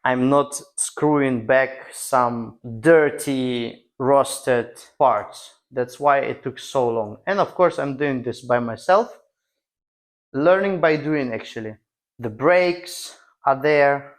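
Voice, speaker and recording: A man with a Russian accent talking casually to camera as a vlog host, in halting non-native English broken into short phrases. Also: mid-range voice. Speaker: host of a car restoration channel. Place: garage.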